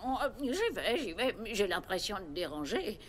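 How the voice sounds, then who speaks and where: A woman's voice: medium pitch, sing-song, moderate pace, slight background noise, lightly acted. An actress playing a fussy, affectionate older mother saying goodnight to her grown daughter. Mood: fussy, fond.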